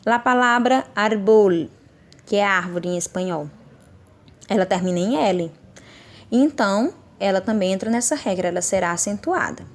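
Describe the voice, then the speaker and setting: A woman's voice: medium pitch, animated. Patient Brazilian woman teaching Spanish. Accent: Brazilian Portuguese. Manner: patient, checks understanding with tag questions; slows down and stresses example words. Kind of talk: recorded classroom lesson.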